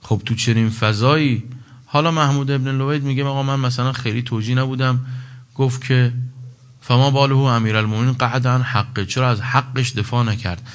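A man preaching a religious sermon, reciting Arabic quotations and explaining them, his voice climbing in pitch on key points. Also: fairly even intonation. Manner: emphatic, rising to a higher pitch on key points.

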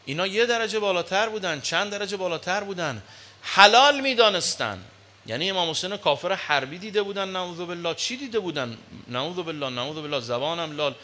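A man preaching a sermon in an animated way, dropping to low murmurs and rising to loud exclamations. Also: few pauses.

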